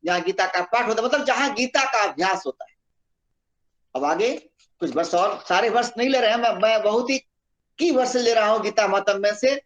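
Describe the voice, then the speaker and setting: A man's voice: high-pitched, a bit bright, low-quality recording. A man giving a spiritual discourse as a scripture study teacher, reciting Sanskrit verses and explaining by repeating phrases, heard over a video call.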